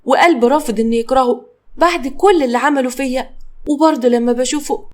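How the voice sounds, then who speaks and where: A woman's voice: high-pitched, fast, darkish tone, natural voice. A woman voicing a heartbroken young woman with an Egyptian accent, hurt and emotional. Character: heartbroken young woman, the narrator's own self.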